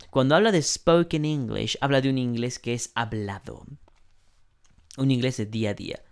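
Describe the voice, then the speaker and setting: A man teaching an English class, explaining grammar slowly and deliberately and often clearing his throat. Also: mid-range voice, lively intonation. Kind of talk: online class lesson.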